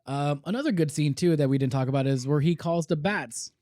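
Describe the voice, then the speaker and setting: A man's voice: a little high, brisk, darkish tone, no echo. A man co-hosting a podcast, chatting about a film in a laid-back way with dry jokes. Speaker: podcast co-host. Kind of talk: casual movie chat.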